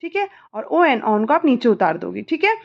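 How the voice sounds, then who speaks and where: A mother with an Indian accent tutoring her child through a homework lesson, spelling words letter by letter and repeating answers slowly. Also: on the high side, big pitch swings, vocal fry, highs cut off.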